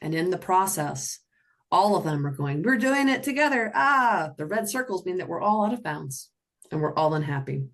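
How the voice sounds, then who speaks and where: A woman teaching roller derby officiating on a webinar, energetic and animated, often acting out skaters in playful voices. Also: low voice, normal speed.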